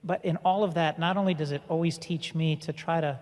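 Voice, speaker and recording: A man's voice: on the high side, steady tone, darkish tone. A middle-aged man telling a personal story on a conference panel, with frequent restarts and fillers. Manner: halting, many restarts and fillers. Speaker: panel speaker. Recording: long reverb in a hall.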